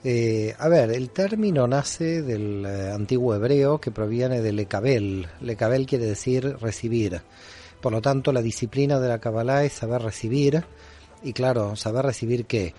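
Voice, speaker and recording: A man's voice: medium pitch, normal speed, mellow. A man answering as a guest scholar in a radio interview, formal and explanatory, with frequent fillers.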